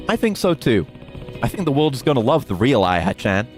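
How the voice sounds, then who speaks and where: A man voicing a calm, kind young detective, reading game lines aloud in a gentle, earnest way. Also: mid-range voice, a little fast, soft background music, close to an everyday voice. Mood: reassuring.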